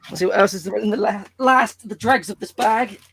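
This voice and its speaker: A man's voice: high voice, normal speed, vocal fry, fairly bright tone, a little hiss or hum. A man doing a casual show-and-tell as a livestream guest. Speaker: livestream guest showing games.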